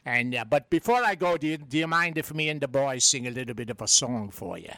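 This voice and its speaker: A man's voice: medium pitch, lively intonation, a little fast, vocal fry, pushed and bright, no room sound. A man voicing a boisterous old Irish bagpiper who calls everyone lad and lass. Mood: flirty, joking. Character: jolly old Irish bagpiper man leading a marching band. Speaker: comic character on a radio show.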